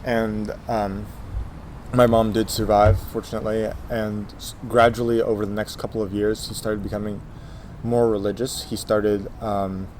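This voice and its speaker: A young man in his twenties with a lowish voice tells his life story, stopping and restarting often with plenty of ums. Faint noise sits under the recording. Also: little pitch movement, normal speed, a little mellow. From Texas, USA. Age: 20s. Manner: hesitant, many fillers and restarts. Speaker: interview guest. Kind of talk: casual life-story interview.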